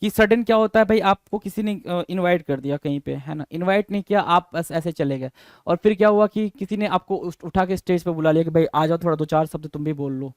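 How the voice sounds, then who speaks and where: High pitched guy teaching vocab, keeps repeating words and quizzing, dry close sound. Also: brisk, no room sound. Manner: drills words, repeats and spells them out, asks students questions. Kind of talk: exam-prep lesson.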